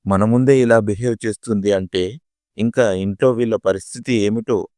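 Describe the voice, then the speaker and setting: A man voicing a blunt lawyer who scolds and mocks the bride loudly while reading the story. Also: on the low side, fairly even intonation, normal speed, dry recording, clean studio sound, close to an everyday voice. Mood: mocking. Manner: loud, mocking scolding.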